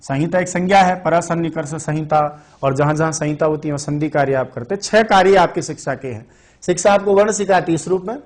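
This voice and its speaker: A man teaching Sanskrit grammar in an online exam-prep lecture. He asks questions and answers them himself, and repeats the key terms. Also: fairly high pitch.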